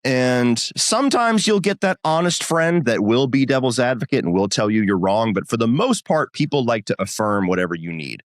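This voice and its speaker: A man's voice: mid-range voice, lively intonation, moderate pace, few pauses, no echo, studio quality. A man co-hosting a podcast in casual chat, talking bluntly and with plenty of profanity and restarts. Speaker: podcast co-host.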